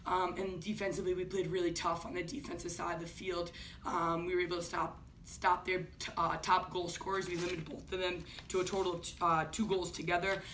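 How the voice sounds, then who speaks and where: Fast-talking woman coach, distant mic. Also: fairly low pitch. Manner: quick, steady, many ums. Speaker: head coach. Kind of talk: postgame press conference answers. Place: office-like room, indoors. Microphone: far camera. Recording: distant room mic with faint hiss.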